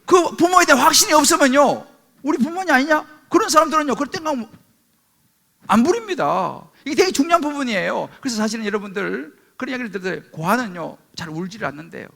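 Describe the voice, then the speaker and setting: A high-pitched middle-aged man preaching from a church pulpit, his voice bright and forceful. He keeps asking the congregation questions, pushing hard on each point. His pitch swings widely from phrase to phrase. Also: sing-song, fast talker, creaky. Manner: emphatic preaching with rhetorical questions, calls for amen. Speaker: pastor. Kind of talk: sermon.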